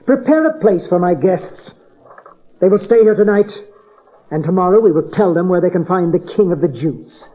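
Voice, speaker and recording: A man's voice: sits high, expressive, moderate pace, mellow. An actor playing an old, scornful, scheming tyrant king in a dramatized audio Bible, with an imperious, sneering manner. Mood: haughty irritation. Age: older. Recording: dull cassette tape transfer.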